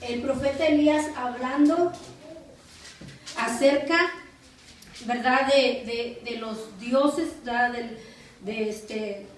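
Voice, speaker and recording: Woman pastor, high voice, teaching Bible study, slow and repetitive for note-taking, distant mic in a very echoey room. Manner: slow, repeats phrases and spells words for note-taking. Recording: echoey room from far off, faint noise.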